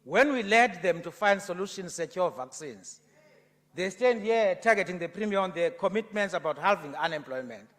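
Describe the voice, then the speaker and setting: A South African man giving an oratorical debate speech in a provincial legislature, building to loud passion. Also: sits high, expressive, normal speed. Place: legislative chamber. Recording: long reverb of a legislative chamber.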